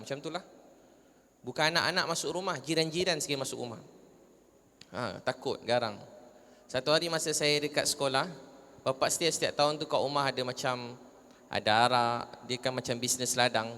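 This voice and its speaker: A man's voice: mid-range voice, bright, forceful tone, long reverb tail, slight background noise. A man preaching to a live audience, telling stories and putting questions to his listeners. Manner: storytelling, addressing listeners directly with questions. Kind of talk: religious talk to a live audience.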